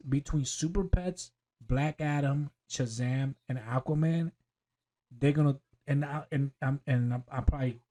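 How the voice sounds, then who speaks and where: A man co-hosting a podcast in casual chat, excitable and quick to laugh, dropping slang like "bro". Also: mid-range voice. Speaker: podcast co-host.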